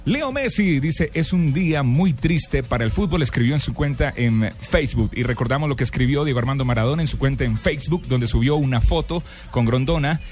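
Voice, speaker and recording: A man's voice: mid-range voice, animated, brisk, a little mellow, soft background music. A man with a Colombian accent reporting sports news conversationally on a radio show.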